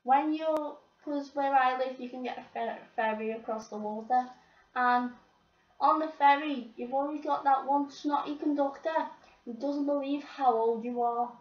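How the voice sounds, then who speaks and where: A woman's voice: sits high, a little slow, recorded from a distance. A teenage girl, swearing and complaining as she rants to the camera. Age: teens. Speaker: vlogger. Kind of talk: ranting to camera. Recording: roomy, off-mic, dull lo-fi sound.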